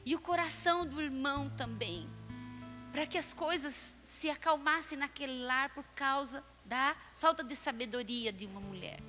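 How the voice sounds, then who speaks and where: A Brazilian woman pastor preaching a lively sermon and addressing her listeners directly. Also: high-pitched, moderate pace, in a large hall, soft background music. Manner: animated, lively preaching with asides to the audience.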